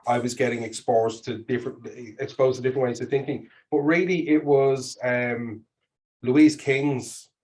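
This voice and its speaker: A middle-aged man with a Dublin Irish accent, talking casually as an interview guest in an informal, halting way, as if thinking aloud. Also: medium pitch, fairly even intonation, darkish tone. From Dublin, Ireland.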